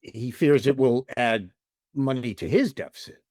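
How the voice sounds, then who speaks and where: A man co-hosting a political podcast, talking bluntly in casual chat with many halting restarts. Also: medium pitch, a little mellow, dry recording, clean studio sound. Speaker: podcast co-host.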